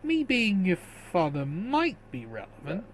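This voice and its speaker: A man voicing a hesitant, flustered noble father in a tabletop game, speaking in halting starts. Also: high-pitched, huge pitch swings, slight background noise, pitched above the performer's own voice, full character voice.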